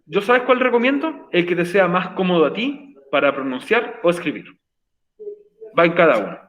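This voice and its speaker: A man's voice: sits high, sing-song, normal speed, a bit bright, reverberant. A man teaching an online English class, patient and encouraging, explaining step by step.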